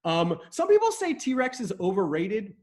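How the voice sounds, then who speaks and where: An enthusiastic man from Ohio leads a relaxed online dinosaur lesson over a video call, sitting in a room in a rented home. He talks to his viewers in a chatty, joking way, clearly excited about the subject. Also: high-pitched, moderate pace. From Ohio, USA. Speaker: host and dinosaur educator. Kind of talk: casual livestream lesson. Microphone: video call setup.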